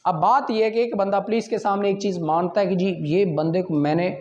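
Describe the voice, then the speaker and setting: Lecturing law students in a Pakistani accent, a man with a high voice and steady tone reads formal passages with slow deliberation, then explains them didactically, captured on dull audio.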